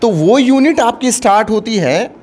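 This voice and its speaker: A man's voice: very high-pitched, expressive, normal speed, a little mellow. A man teaching an English lesson, switching between Hindi and Indian-accented English and repeating points for students. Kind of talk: classroom lecture.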